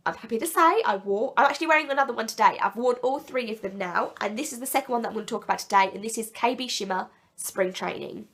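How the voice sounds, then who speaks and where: Though her voice is croaky and stuffed up from illness, this nail polish vlogger chats eagerly and rambles a little while reviewing products casually. She speaks quickly, pitched on the high side, with a slightly bright tone.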